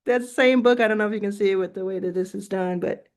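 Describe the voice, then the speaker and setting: With a medium-pitched voice and a quick pace, a livestream host gives casual business coaching. She's talkative and upbeat, thinking aloud while providing feedback.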